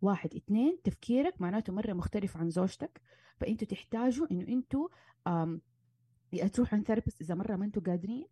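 A woman, a marriage and family therapist giving animated advice in casual conversation and slipping in English terms. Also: mid-range voice, rapid-fire, breathy edge, no room sound. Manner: animated, acts out arguments, mixes in English terms.

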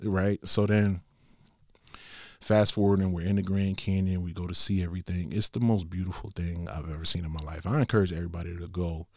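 A young man from Connecticut telling a casual travel story in a relaxed, slangy, animated way. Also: deep voice, a little fast, no room sound, studio quality. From Bridgeport, Connecticut.

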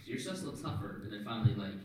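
A man's voice: fairly low pitch, very animated, rapid-fire, distant mic. A man narrating a tabletop game as game master, chatty and loose, with lots of fillers and restarts. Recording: very echoey room, off-mic, faint hiss.

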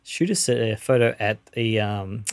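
A man's voice: lowish voice, a little slow, no room sound. A man co-hosting a podcast, chiming in with short, teasing remarks in casual chat. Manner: brief teasing interjections. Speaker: podcast co-host.

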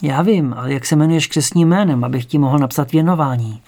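A man's voice: a little high, warm tone, lightly acted. Man reading as a frail kindly old actor.

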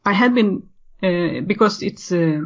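A woman's voice: fairly low pitch, lively intonation, unhurried. A Swedish woman in her thirties with a Swedish accent, a podcast guest talking in a casual interview, hesitant, with many fillers and restarts. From Sweden. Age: 30s. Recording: muffled lo-fi audio.

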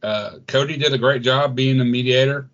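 A man co-hosting a casual podcast, blunt and easygoing and quick to swear, on dull lo-fi audio. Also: mid-range voice, steady tone, fairly bright tone. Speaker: podcast co-host.

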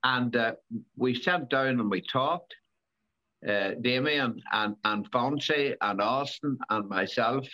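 A man in his seventies, a former rally driver, talking in a casual interview, halting and repeating words with many fillers. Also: mid-range voice, sharp tone. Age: 70s. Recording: dull lo-fi recording.

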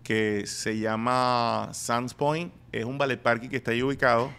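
A middle-aged comedian chatting on a podcast, playful, stumbling in broken English. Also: male voice, mid-range voice, fairly even intonation, moderate pace, creaky, fairly bright tone, clear, resonant tone. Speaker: comedian guest. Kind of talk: casual podcast chat.

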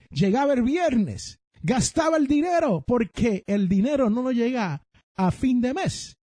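A Puerto Rican man hosts a finance podcast and tells his stories with energy, speaking straight to his listeners. His voice sits high, with a mellow, husky tone. The sound is close and dry. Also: dry recording. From Puerto Rico. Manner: animated storytelling, addresses listeners directly. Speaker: podcast host. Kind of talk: personal finance talk.

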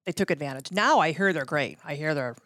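Appearing as a podcast guest, this middle-aged American woman, who used to work in radio promotions, tells stories in a breezy, casual way and acts out the quotes in them. She speaks a little fast in a low, fairly bright voice with lively intonation, recorded at studio quality with no room sound.

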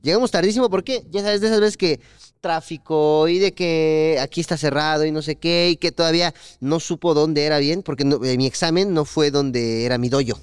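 A young man with a Mexican Spanish accent, co-hosting a podcast and telling a slangy, animated story in casual chat. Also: fairly high pitch, fairly quick, clear, resonant tone, no room sound, clean studio sound. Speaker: podcast co-host.

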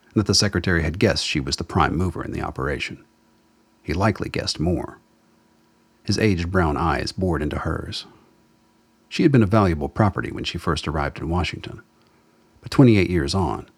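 In a radio play, a man with a very deep, husky voice serves as storyteller, reading scripted dramatic narration.

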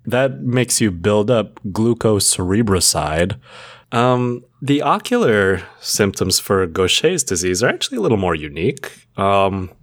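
A man with a very low, deep voice co-hosts a relaxed educational chat. He explains with playful memory tricks. The sound is dry and close, with no room around it. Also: unhurried, no room sound. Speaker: podcast co-host.

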